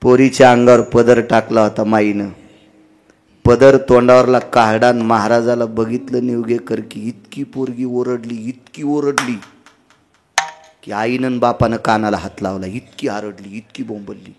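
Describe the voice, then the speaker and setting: A man with a Marathi accent preaching a devotional kirtan sermon, telling stories and breaking into sudden high shouted lines and sung refrains. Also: fairly even intonation, a little slow, background noise.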